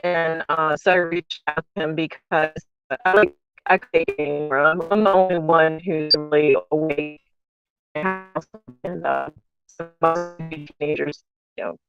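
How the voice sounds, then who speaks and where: A middle-aged woman in a casual interview, talking slowly with many fillers over a video call whose audio breaks up and turns robotic. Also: deep voice, steady tone, music in the background. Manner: slow, hesitant, many fillers. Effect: glitchy, robotic, breaking-up call audio. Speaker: guest. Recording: dull lo-fi call line.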